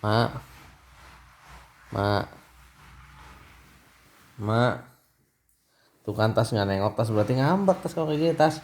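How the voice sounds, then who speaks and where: Teasing middle-aged dad filming. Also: male voice, medium pitch, expressive, takes it slowly, long pauses, darkish tone. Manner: teasing, chatty, keeps addressing his daughter. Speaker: father filming his family. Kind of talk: casual teasing family chat.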